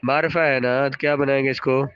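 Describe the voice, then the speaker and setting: A man's voice: medium pitch, steady tone, clean tone, lo-fi sound. A male teacher giving a classroom grammar lesson, parsing sentences aloud and patiently quizzing students and repeating their answers.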